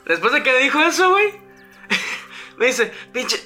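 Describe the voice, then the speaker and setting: A man's voice: very high-pitched, sing-song, measured pace, pushed and bright, soft background music. A man with a Mexican accent chatting casually about games, slangy and rambling with lots of fillers. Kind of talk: casual gaming chat.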